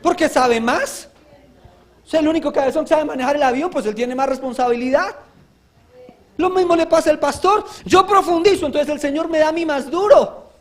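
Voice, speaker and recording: A male pastor giving a live church sermon, fervent and exhorting, breaking into shouts and joking asides. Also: extremely high pitch, moderate pace. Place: church service.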